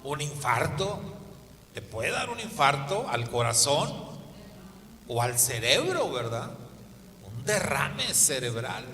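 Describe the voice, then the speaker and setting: A man's voice: on the high side, sharp tone, slight background noise. A man preaching a sermon, emphatic and asking the congregation rhetorical questions. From Mexico. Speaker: pastor. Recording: echoey hall with long reverb.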